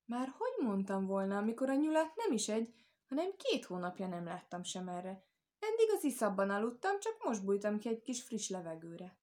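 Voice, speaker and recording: A woman's voice: medium pitch, sing-song, darkish tone, natural voice. A woman voicing a crafty toad who plays innocent and coaxes a wolf in a storybook tale. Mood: sly. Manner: innocent, coaxing, lightly mocking. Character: sly calm old toad, quick-witted.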